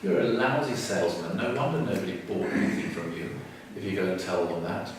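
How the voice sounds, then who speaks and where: A gruff, bossy father who is quick to scold, as a man puts him on. The voice is low and heard from a distance. Strong echo rings around it. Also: lively intonation, slight background noise. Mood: exasperated. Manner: exasperated, bossy. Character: irritable father, a gruff idol maker. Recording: roomy echo, far from mic.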